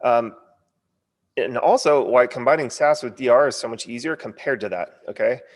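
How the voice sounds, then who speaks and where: A man's voice: medium pitch, normal speed, long reverb tail. An American man coaching a casual sales webinar, punchy and informal, stumbling a little over his words as if his lip is numb from the dentist. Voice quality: stumbling, numb-lipped speech from a partly numb lip. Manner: informal, punchy, frequent check-in tags. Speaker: online course coach.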